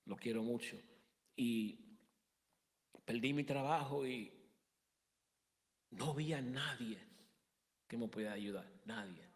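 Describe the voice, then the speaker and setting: In a church interview, a man in his thirties gives a halting personal testimony, often restarting and slipping in English words. His voice is medium-pitched, and the sound has a big-room quality.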